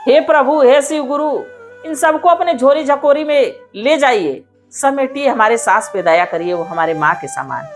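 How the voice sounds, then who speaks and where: A gentle, devoted young daughter-in-law, as a woman storyteller plays her who pleads softly and reverently. Her voice sits a little high, with a faint flute heard behind. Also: expressive, normal speed, soft background music. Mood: praying.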